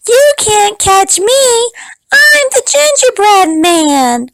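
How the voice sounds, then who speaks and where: Woman doing a squeaky taunting gingerbread cowboy. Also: big pitch swings, slow pace, a bit bright, no room sound, full character voice. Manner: high, sing-song taunting chant. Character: cocky gingerbread cowboy boy, boastful runaway cookie. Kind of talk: storybook read-aloud.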